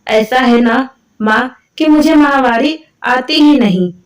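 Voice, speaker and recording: Storybook role: level-headed young working wife, read by a woman narrator, bright-ish pitch, distant mic. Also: takes it slowly, reverberant. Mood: reasoning. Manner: calm, reasoning.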